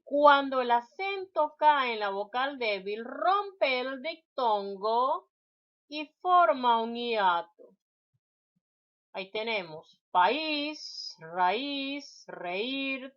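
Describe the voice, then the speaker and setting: A woman's voice: high-pitched, expressive, takes it slowly, dull audio. A woman teacher giving a spelling lecture, reading out word lists and addressing her students directly.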